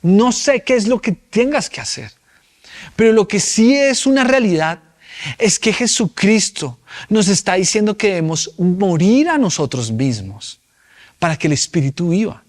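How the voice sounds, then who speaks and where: A young male pastor delivers an emphatic sermon, his voice sitting a bit high for a man. He keeps turning to the congregation with rhetorical questions and drives each point home with force. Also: expressive, a little slow.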